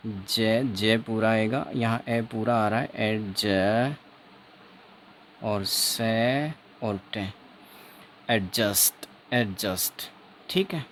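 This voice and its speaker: A man teaching phonetics for an exam, slowly repeating each word and quizzing his viewers. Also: medium pitch, fairly bright tone, a little hiss or hum. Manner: slow, repeats words over and over, quizzes the viewer. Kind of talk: exam-prep phonetics lesson.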